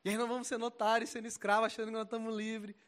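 High-voiced young Brazilian preacher. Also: male voice, rapid-fire, smooth. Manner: animated, mocking voices, swings between loud and soft. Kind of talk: casual slangy sermon.

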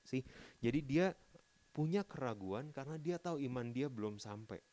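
A man preaching a sermon, mixing English phrases into his talk and swinging between loud emphasis and soft, hushed passages. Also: mid-range voice, animated, normal speed.

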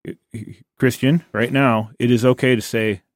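A man on a church podcast, talking things through in a halting way with many restarts. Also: mid-range voice, fairly even intonation, no echo, clean studio sound. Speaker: guest. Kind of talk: casual church podcast chat.

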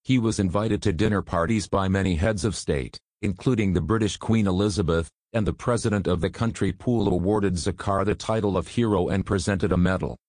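A man tells a story in a steady, even reading voice. His voice sits very low. The recording is dry and close, with no room sound. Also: brisk, hardly any pauses, no echo. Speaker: narrator. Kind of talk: scripted story narration.

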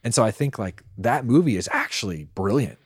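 A man's voice: medium pitch, big pitch swings, brisk, breathy edge, no room sound, studio quality. A man chatting casually and enthusiastically in a laid-back bro manner, peppering his talk with dude, man and like.

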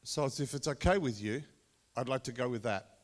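Tasmanian man preaching in an echoey hall. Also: mid-range voice. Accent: Tasmanian Australian. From Tasmania, Australia. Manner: halting, conversational, repeats words. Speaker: visiting preacher. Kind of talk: informal sermon to a congregation. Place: large room or hall, speaking to a congregation. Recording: echoey hall with long reverb.

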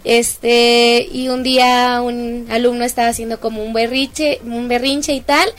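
A woman with a Mexican accent, a teacher, recounts an embarrassing moment in a high, chatty voice. She laughs at herself as she goes. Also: level tone, a little slow. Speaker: primary school teacher. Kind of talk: casual storytelling.

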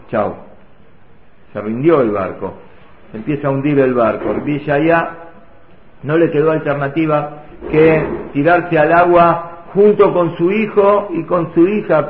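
Tell it as a Rioplatense rabbi, high and lilting, repeating lines for feeling, in an echoey room. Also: male voice. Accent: Rioplatense Spanish. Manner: emotional, sing-song storytelling with repetitions. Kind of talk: storytelling sermon. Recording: echoey, tinny phone-like audio.

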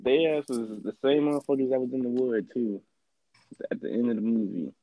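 A man co-hosting a casual podcast chat, animated and slangy. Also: medium pitch, a little fast, poor audio. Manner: slangy, animated retelling of movie scenes. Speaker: podcast co-host.

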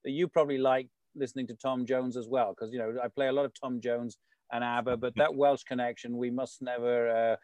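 Man, show host, mid-range pitch, very dry sound, chatty, rambling conversational questions. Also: flat delivery, brisk, a little mellow, no room sound. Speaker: interviewer, local show host. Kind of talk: conversational interview.

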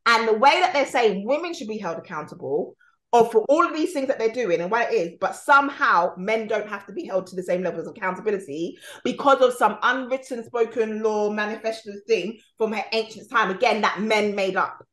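A woman's voice: mid-range voice, animated, fairly quick, a bit bright. A woman in a casual panel debate, questioning and challenging the others. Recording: roomy, echoing sound.

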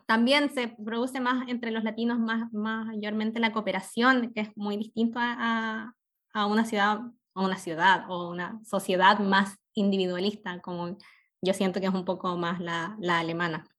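A woman's voice: medium pitch, little pitch movement, normal speed, a bit bright. Young Chilean woman, radio interview guest, thoughtful delivery with many fillers. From northern Chile. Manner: thoughtful, with frequent fillers and self-corrections. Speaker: podcast host interviewed as guest.

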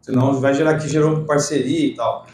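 A man chatting casually as a guest on a podcast, telling stories in an animated way and acting out the other voices. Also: a little high, brisk, reverberant, slight background noise. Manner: animated storyteller acting out dialogue. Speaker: insurance broker guest.

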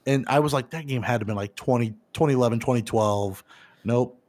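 Casual male podcast co-host, thirties, profane and easygoing, gets loud on the funny bits. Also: medium pitch, quick pace. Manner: laid-back, swears freely, gets loud and animated retelling funny scenes. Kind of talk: casual chat.

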